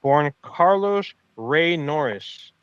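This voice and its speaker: Halting man on a dry, dull mic. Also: on the high side, animated, a bit bright, smooth, dry recording. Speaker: podcast co-host. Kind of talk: casual tribute read from notes.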